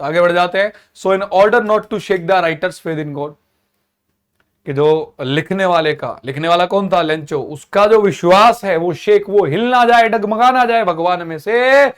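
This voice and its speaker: A young man teaching an exam-prep lesson, mixing Hindi and English, explaining with energy and acting out the characters. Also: sits high.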